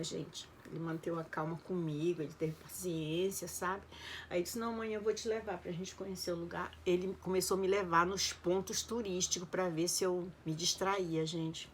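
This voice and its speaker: A woman's voice: lowish voice, a little hiss or hum. Emotional woman. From Belém, Brazil. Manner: emotional, animated, keeps addressing listeners as "gente". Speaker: storyteller recounting her life. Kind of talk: casual personal storytelling.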